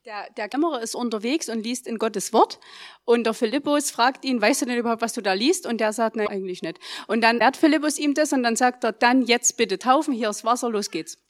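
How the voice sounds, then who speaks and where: A woman from the congregation retelling a Bible story briskly, acting out the dialogue. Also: on the high side. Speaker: congregation member.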